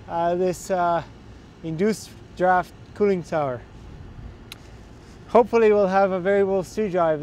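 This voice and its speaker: A man's voice: high-pitched, darkish tone. Young man explaining on a rooftop. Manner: hesitant, many filler sounds and restarts. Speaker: energy auditor instructor. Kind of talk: instructional walkthrough. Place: outdoors on a building rooftop. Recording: faint outdoor noise.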